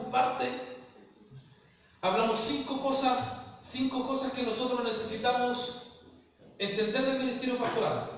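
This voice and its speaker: Pastor guy preaching, kinda high voice, lots of echo, faint room noise. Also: a bit bright. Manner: asks the congregation questions. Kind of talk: sermon. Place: church hall. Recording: echoey hall from far off.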